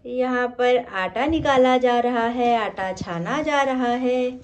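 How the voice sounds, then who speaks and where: A woman's voice: a little high, slow pace, music in the background. A woman narrating her daily vlog in a chatty, teasing way, asking lots of questions. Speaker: vlogger. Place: at home and out running errands.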